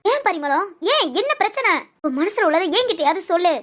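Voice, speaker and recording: A woman voices a caring older woman friend in a storybook drama, speaking in a very high voice. She coaxes and presses insistently, refusing to let the matter drop. She talks like an elder who feels entitled to speak her mind. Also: lively intonation, fairly quick, fairly bright tone. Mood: coaxing. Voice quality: coaxing, insistent. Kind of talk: audio story role-play.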